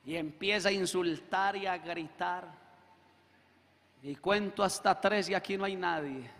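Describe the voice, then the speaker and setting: Man preaching a testimony; raspy, bright, acts out dialogue, long reverb of a church. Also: high-pitched, a little slow. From Colombia. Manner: acts out quoted dialogue, swells to shouting. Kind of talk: sermon testimony. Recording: echoey hall with long reverb.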